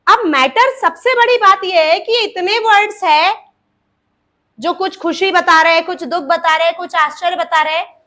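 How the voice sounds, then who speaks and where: A woman's voice: very high voice, pushed and bright. A woman teacher, explaining grammar to exam students and acting out example sentences. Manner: explains with acted examples, calls students "beta".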